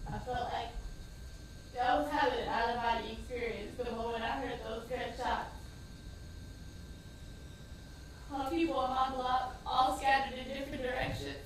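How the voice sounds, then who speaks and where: An actress performs an emotional stage monologue as a grieving, devout woman pleading as she recounts a shooting, sounding shaken as she remembers. Her high, natural voice is steady in tone and brisk, yet her impassioned delivery swings from hushed to crying out. Recorded from afar on a theatre stage, the sound is very echoey with faint noise.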